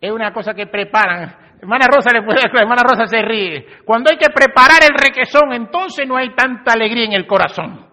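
A man's voice: very high-pitched, brisk, sharp tone. A male pastor preaching a sermon in a church hall, talking to his congregation directly and conversationally. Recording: dull lo-fi recording with long hall reverb.

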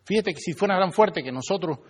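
A man's voice: high voice, animated, brisk, breathy edge. A man preaching a sermon in a conversational way, often acting out the people he quotes, in a church hall. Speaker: pastor. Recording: long hall reverb.

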